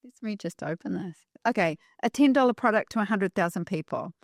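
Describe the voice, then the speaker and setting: A woman's voice: medium pitch, lively intonation, fairly quick, no echo, clean studio sound. A woman guest on a podcast, telling stories emphatically and repeating key phrases for effect. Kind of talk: storytelling in an interview.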